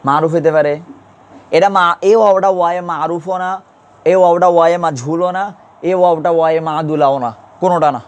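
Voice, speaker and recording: A fast-talking male teacher with a slightly raised pitch and fairly even intonation leads a grammar lesson in a conversational manner. He patiently drills pronunciation and quizzes his students repeatedly.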